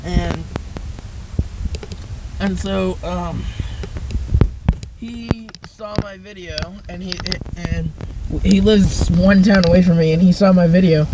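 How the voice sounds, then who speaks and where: Young male amateur reviewer, high-pitched, halting and casual, rambling delivery over clearly noisy audio. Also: steady tone. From northern Maine, United States. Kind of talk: casual vlog chat.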